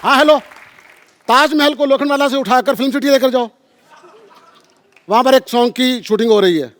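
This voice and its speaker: A man's voice: extremely high pitch, normal speed, fairly bright tone, some chatter behind. A man playing an irate, threatening businessman in a live stage comedy sketch, blustering and mocking. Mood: irritated. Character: irate, threatening businessman demanding his money. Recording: noisy stage with audience.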